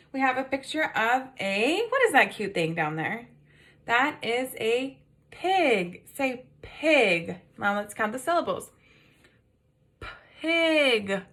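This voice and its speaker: A woman teaching kindergarteners to sound out words, her highish voice swooping up and down in a sing-song way. She talks slowly and patiently, coaxing answers with gentle questions. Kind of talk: phonics lesson to young children.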